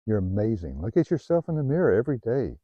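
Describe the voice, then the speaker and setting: A middle-aged man with a Southern US accent gives heartfelt self-help advice, often restarting his phrases and growing quieter when he gets personal. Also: medium pitch, very animated, fast, no echo, dull audio. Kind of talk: earnest motivational talk to camera. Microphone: new home-video mic, dull sound.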